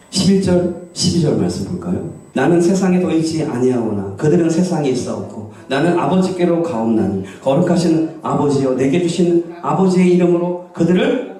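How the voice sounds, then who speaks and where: A male pastor preaching a sermon, switching between hushed asides and loud exclamations. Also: a little high. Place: church sanctuary. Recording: echoey church hall from a distant mic.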